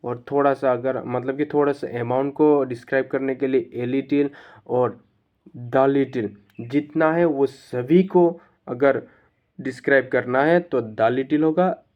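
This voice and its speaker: A male teacher explaining English grammar rules step by step. He often repeats himself and pauses with "uh". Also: mid-range voice, fairly even intonation. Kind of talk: classroom-style lesson explanation. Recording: slightly dull lo-fi recording.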